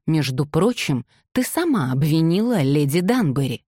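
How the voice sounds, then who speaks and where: Curt exasperated young gentleman, deep dry voice, voiced by a woman narrator. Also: very animated, moderate pace, no room sound. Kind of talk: audiobook character reading.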